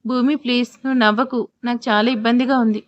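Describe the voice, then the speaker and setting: A woman's voice: fairly high pitch, fairly even intonation, quick pace, dry recording, natural voice. Flustered young husband in an audio story, read by a woman, dry and slightly dull. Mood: embarrassed. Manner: bewildered, defensive questioning.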